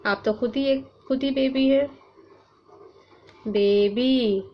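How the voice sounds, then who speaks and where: A woman teacher leading an online class for young pupils, drawing out letters and words slowly and asking coaxing questions. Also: high-pitched, fairly even intonation. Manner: slow, drawn-out sounding of letters and words; patient, coaxing questions to children. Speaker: Urdu teacher. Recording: muffled lo-fi sound, faint hum.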